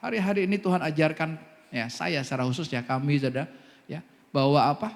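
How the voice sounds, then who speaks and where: A man's voice: on the high side, quick pace, gravelly. A man preaching a sermon as pastor, telling a story with lots of asides and laughter. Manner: lively storytelling with many asides, laughing often. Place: church hall. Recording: long church-hall reverb.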